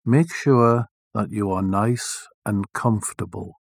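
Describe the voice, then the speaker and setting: A man leading a guided meditation, speaking softly and soothingly with long, deliberate pauses. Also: fairly low pitch, vocal fry, dry recording, clean studio sound.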